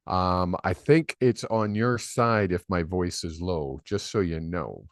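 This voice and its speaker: Speaking slowly in a low-pitched voice, a man runs a live psychic reading stream as its medium host, rambling chattily with lots of fillers. He uses a desk microphone on a video call, and the recording is dry and studio-clean.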